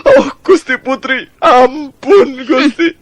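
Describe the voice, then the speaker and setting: A groveling old servant begs for mercy in a whining, sobbing voice. The voice sits high and the radio drama sound is dry and close. He is fearful and pleading throughout. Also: moderate pace, no echo. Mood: sobbing pleas. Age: older. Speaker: servant of the minister.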